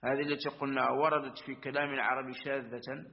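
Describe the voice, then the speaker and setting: A man gives a grammar lesson in a plain, mid-pitched voice. He works through each point methodically, repeats himself, and keeps affirming as he goes. The recording sounds dull and lo-fi. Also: flat delivery, gravelly. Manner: recites verse lines slowly. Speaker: teacher of Arabic grammar. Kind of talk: religious-school lesson explaining a verse text.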